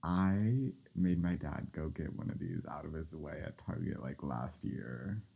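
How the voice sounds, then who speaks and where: A young man co-hosting a casual podcast, talking in a laid-back way with vocal fry. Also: very deep voice, unhurried, muffled recording. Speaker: podcast co-host. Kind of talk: casual chat.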